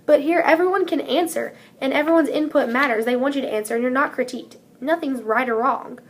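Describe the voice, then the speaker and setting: A woman's voice: high-pitched, fast talker, slight background noise. A teenage girl gives an earnest, upbeat prepared speech as a student speaker, reading from a script. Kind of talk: prepared speech read aloud.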